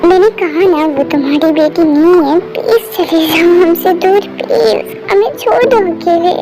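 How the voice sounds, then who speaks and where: High young voice doing a defensive mother. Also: normal speed, rough recording. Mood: cold. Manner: firm, dismissive, pleading to be left alone. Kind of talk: amateur fan dub. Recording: loud background music.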